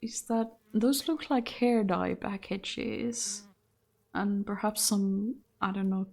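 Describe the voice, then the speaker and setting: A woman's voice: medium pitch, gravelly, dark tone. A young woman commenting on a game she plays, reading its text aloud and reacting with delight. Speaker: gaming channel host.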